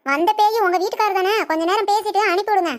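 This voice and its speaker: A woman's voice: extremely high pitch, fast. A woman voicing a sensible, dry-witted daughter-in-law in a cartoon, dismissive and matter-of-fact.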